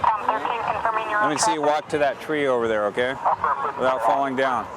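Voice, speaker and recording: A man working as a police officer, calmly giving short commands outdoors. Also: a little high, moderate pace. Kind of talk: on-duty field talk. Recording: loud street noise outdoors.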